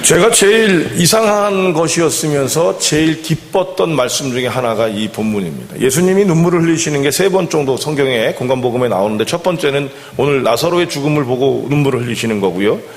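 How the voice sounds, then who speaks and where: Preaching fairly quickly and animatedly with almost no pauses, a senior pastor whose voice sits on the high side addresses his congregation in the sanctuary. He keeps the sermon conversational, often posing questions to them, while long church reverb trails his words.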